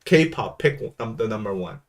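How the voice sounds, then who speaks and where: A man's voice: lowish voice, animated, normal speed. A man co-hosting a casual entertainment news chat, often chiming in with short agreements and playful remarks. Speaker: co-host.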